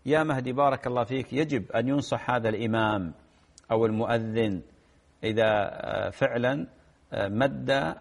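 On a call-in show, a man sounding like a cleric settles everyday religious questions, patiently explaining and stretching out the words in his examples. His pitch is average for a man; he takes his time yet speaks a little fast, with vocal fry and long pauses.

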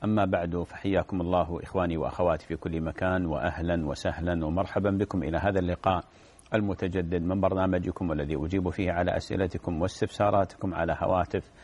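A man's voice: deep voice, a little mellow. A man hosting a call-in program where he answers listeners' religious questions, formal and courteous.

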